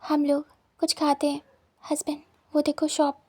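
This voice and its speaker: A woman's voice: sits high, completely flat delivery, moderate pace, darkish tone, lightly acted. A woman voicing a playful young husband who teases his partner, in a spoken fanfiction story. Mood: teasing.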